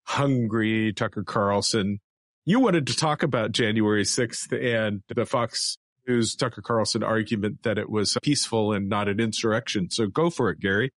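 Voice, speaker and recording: A man's voice: medium pitch, no echo, clean studio sound. A man hosting a casual political talk show, walking through cartoons and debating a guest. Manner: animated, reads out cartoon captions. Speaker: host.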